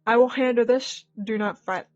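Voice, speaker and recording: Lady doing a stately art professor from a dating game, formal and calm, faint music behind. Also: a little high, moderate pace, lo-fi sound, close to an everyday voice. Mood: composed. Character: poised elegant female art professor, protective.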